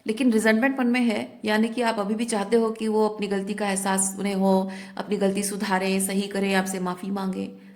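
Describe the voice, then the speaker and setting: A woman's voice: medium pitch, level tone, moderate pace, a little mellow. A woman tarot reader talking reflectively in a spiritual guidance talk, often mixing in English words.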